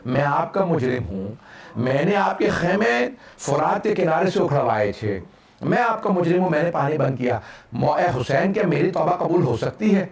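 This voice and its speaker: A man preacher voicing a repentant male warrior who begs forgiveness in a lowered, pleading voice, in an echoey hall. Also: very animated, creaky. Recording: echoey hall, distant mic.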